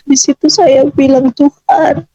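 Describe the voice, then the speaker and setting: High-voiced woman telling an earnest testimony. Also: steady tone, measured pace, warm tone, dry recording, low-quality recording. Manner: earnest, emotional storytelling. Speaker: mother giving a testimony. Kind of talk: personal testimony.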